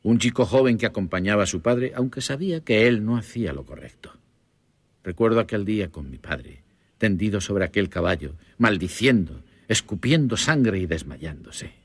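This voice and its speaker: An actor narrating a dubbed western as a grown son calmly recalling the past, with a husky voice. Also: male voice, fairly low pitch, moderate pace, no echo. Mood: reflective.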